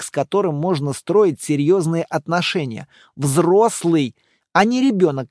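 A man voicing an angry, scornful young woman who shouts at her boyfriend as she leaves him. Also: a little high, no echo, clean studio sound, close to an everyday voice.

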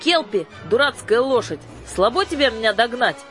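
Женщина изображает дерзкую девчонку Юльку. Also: female voice, low voice, fairly even intonation, normal speed, soft background music, close to an everyday voice. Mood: taunting. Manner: taunting, shouting. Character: bold cheeky young girl taunting a horse.

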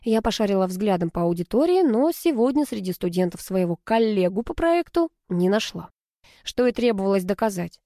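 A woman narrating a first-person novel as an audiobook, in a lively storytelling manner. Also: mid-range voice, brisk, no echo, clean studio sound.

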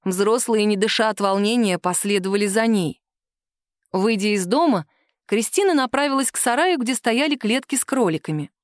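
Женщина читает аудиокнигу, выразительно рассказывая историю. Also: female voice, medium pitch, normal speed, dry recording, studio quality. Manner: expressive storytelling. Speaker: audiobook narrator. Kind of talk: scripted narration.

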